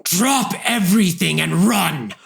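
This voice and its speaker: Man acting a menacing ogre, dopey cartoon bellow, loud, slow delivery, tabletop fantasy game. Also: high voice, animated, creaky, slightly rough, pitched above the performer's own voice, heavily acted. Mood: gruff threatening. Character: menacing, bellowing male ogre guarding a bridge.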